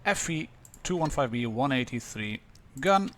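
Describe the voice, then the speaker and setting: A Dutch man with a Dutch accent, casually commentating a live game stream with many pauses and restarts. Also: mid-range voice, lively intonation, a bit bright. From Netherlands.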